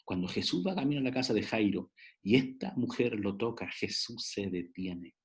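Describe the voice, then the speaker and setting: A man's voice: fairly low pitch, expressive, moderate pace. A man teaching a theology class in a preaching style, emphatic and speaking directly to his listeners, with frequent hesitant restarts. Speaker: theology professor.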